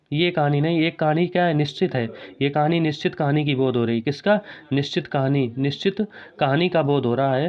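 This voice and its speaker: A man teaching a Hindi grammar lesson for an exam, repeating each corrected sentence and asking quick questions of his students. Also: fairly high pitch, lo-fi sound. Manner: addresses viewers as "saathiyon".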